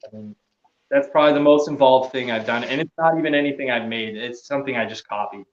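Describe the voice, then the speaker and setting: A man's voice: medium pitch, quick pace, roomy sound, lo-fi sound. A man talking casually as a podcast guest, laid-back and trailing off, swearing casually and laughing often. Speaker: podcast guest, gear maker. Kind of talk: casual chat.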